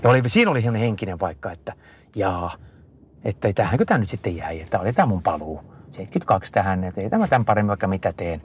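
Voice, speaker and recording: The interview guest, a middle-aged endurance skier, has a low, slightly rough voice. He chats casually, spinning long, meandering, animated stories that are full of fillers and false starts.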